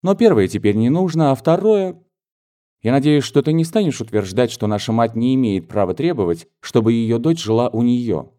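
In the role of a spirited young woman from a classic novel, a man lifts his voice much higher than his own, earnest and reproachful. The heated, pleading delivery climbs and swings widely in pitch, animated and mellow at a moderate pace in a natural voice.

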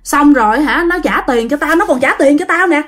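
A woman's voice: sits high, lively intonation, a little fast, fairly bright tone, pitched above the performer's own voice. A woman with a Southern Vietnamese accent voicing an old village shopkeeper woman who stammers in fright. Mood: agitated. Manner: stammering, breathless exclamations.

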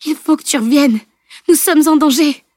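A woman voicing a desperate teenage heroine who pleads in high, loud calls. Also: a little fast, no echo, clean studio sound, lightly acted. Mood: desperate pleading. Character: desperate teenage girl heroine, fierce and bossy.

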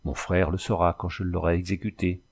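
A proud young native woman from an old adventure storybook, as a male reader puts her on, calm, solemn and prophetic. She talks in measured, grave phrases, lifted higher than the reader's own low voice. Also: husky. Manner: solemn, measured, speaks of herself by name.

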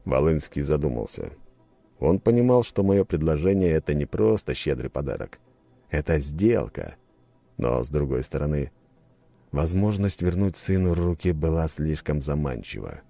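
A man narrating a first-person story in an expressive storytelling manner. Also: a bass voice, moderate pace, creaky, no echo, faint music behind. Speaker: audiobook narrator.

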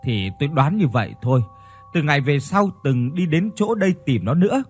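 A man's voice: fairly high pitch, lively intonation, brisk, darkish tone, breathy edge, soft background music. A man voicing a spiteful, scornful village mother in a ghost story. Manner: scornful, sneering.

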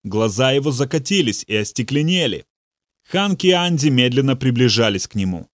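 A man narrating an audiobook in a measured, steady storytelling voice. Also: mid-range voice, dry recording, studio quality. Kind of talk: audiobook reading.

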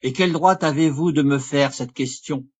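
A man reading an audiobook, voicing a proud young marquis who speaks with haughty challenge in a husky voice. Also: on the high side, moderate pace, a little mellow, close to an everyday voice.

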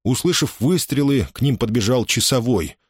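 A man narrating a dramatic story as an audiobook in a measured, expressive way. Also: mid-range voice, slightly rough, no echo, clean studio sound.

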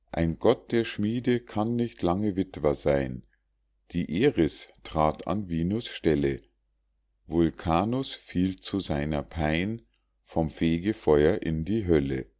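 A man narrating an audiobook of rhymed fables in a deep, low voice. He reads slowly and deliberately, giving the verses a measured, declamatory cadence. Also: expressive, a little mellow.

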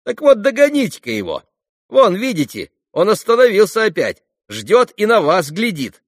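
A man's voice: sits high, wildly swooping pitch, moderate pace, no echo, studio quality, voice pushed up, full character voice. A man reading an audiobook and voicing an eager older schoolboy who taunts and urges. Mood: taunting. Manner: taunting, urgent.

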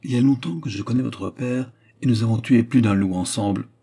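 A man putting on a booming, jovial giant of a hunter. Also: a little fast, creaky, warm tone, husky. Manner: boisterous and hearty.

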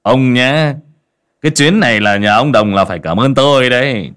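A man doing a loud, boastful scar-faced swindler. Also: mid-range voice, expressive, moderate pace, smooth, pitched above the performer's own voice, close to an everyday voice.

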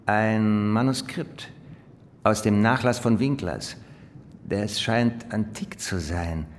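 An actor playing a dutiful, measured official reporting to a superior in an audio drama. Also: male voice. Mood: measured, sober. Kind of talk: German audio drama acting. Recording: long hall reverb, faint rumbling noise.

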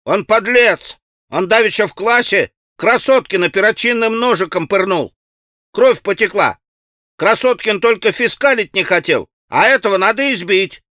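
Shrill jeering schoolboys, put on by a man. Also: animated, normal speed, dry recording, clean studio sound. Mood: agitated. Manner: shrill taunting shouts. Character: shouting gang of schoolboys, rowdy, jeering.

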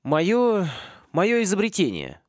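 A man's voice: high-pitched, wildly swooping pitch, slow, dry recording, clean studio sound, voice pushed up, full character voice. A man voicing a cocky, talkative teenage boy wizard in a storybook. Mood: cheeky.

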